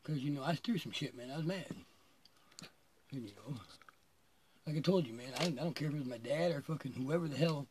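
A man's voice: fairly high pitch, a little fast, long pauses, noisy background. A man telling a long rambling story, swearing often and laughing between phrases.

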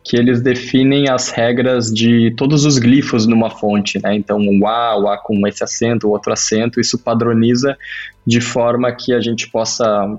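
A man chatting casually as host, explaining things in an articulate, measured way. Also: mid-range voice, little pitch movement, a little mellow, dull audio. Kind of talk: casual chat.

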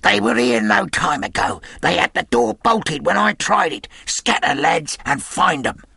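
A man voicing a furious, cruel pirate leader who shouts and curses his commands in a storybook reading. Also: sits high, lively intonation, unhurried, creaky, slightly rough, dry recording, studio quality, pitched above the performer's own voice, heavily acted. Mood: urgent commanding. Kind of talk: audiobook character voice.

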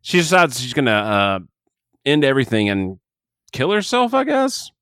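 A man's voice: mid-range voice, huge pitch swings, normal speed, fairly bright tone, smooth, no room sound, studio quality. A man chatting casually about a movie he just watched, rambling and cutting himself off, with the hiccups. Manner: rambling, self-interrupting, candid. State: has the hiccups. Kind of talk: casual movie review chat.

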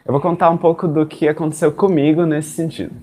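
Conversational Brazilian man teaching, fairly high. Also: level tone, quick pace, darkish tone. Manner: conversational, addresses listeners as "gente", acts out his own past thoughts. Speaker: English teacher. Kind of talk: casual teaching talk.

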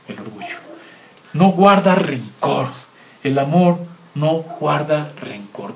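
A male pastor preaches a sermon in a slightly high voice. He leans on rhetorical questions and acts out quick everyday examples. There is a faint noise floor behind him. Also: a little mellow.

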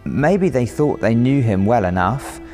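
A man's voice: mid-range voice, animated, measured pace, a little mellow. A man preaching a sermon, retelling a story vividly and dramatically. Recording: reverberant hall, faint music.

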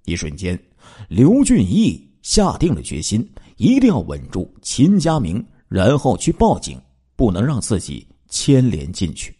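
Male true-crime storyteller, dramatic delivery, asides to listeners, husky voice, low pitch. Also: huge pitch swings, unhurried, warm tone. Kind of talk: spoken true-crime narration.

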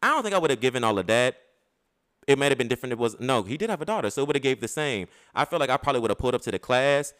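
A man, co-hosting a casual podcast chat and telling stories in a loud, animated, profane way. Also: mid-range voice, racing, clear, resonant tone, no echo, studio quality. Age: 30s. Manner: animated, profane storytelling with bursts of laughter. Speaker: podcast co-host.

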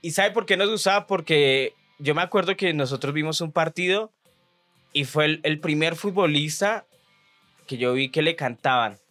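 A man's voice: a little high, moderate pace, fairly bright tone, dry recording, soft background music. A man hosting a video podcast, chatting casually and telling stories with jokes. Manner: storytelling, joking, breaks into imitations. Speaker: podcast host. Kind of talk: casual chat.

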